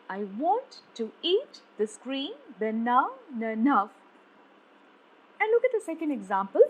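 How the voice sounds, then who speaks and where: A high-pitched woman with an Indian English accent teaches a lesson at an unhurried pace. She lays out each term deliberately, one at a time. A faint hum of room noise sits under her voice. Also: fairly bright tone, low-quality recording. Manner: slow, deliberate, spelling out terms one by one. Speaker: English lecturer. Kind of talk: explaining lecture on poetic meter.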